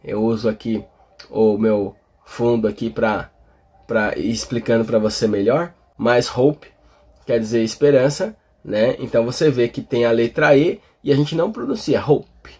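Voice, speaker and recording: A Portuguese-speaking man explaining English vowel pronunciation, talking slowly with many fillers and tag questions. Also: medium pitch, fairly even intonation, a little mellow, slightly rough. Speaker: English teacher. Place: in front of a display board.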